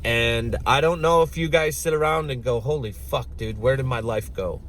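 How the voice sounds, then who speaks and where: A man in his thirties ranting casually to camera as a vlogger, slow and rambling, with frequent swearing and throat-clearing. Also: medium pitch, fairly bright tone, a little hiss or hum, rough recording. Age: 30s.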